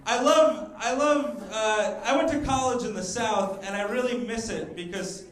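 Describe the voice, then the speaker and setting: A young man doing a stand-up comedy set on a club stage, mixing crowd work and quick asides, speaking into a handheld mic. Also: sits high. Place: comedy club stage before a live audience. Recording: roomy live club sound with audience laughter.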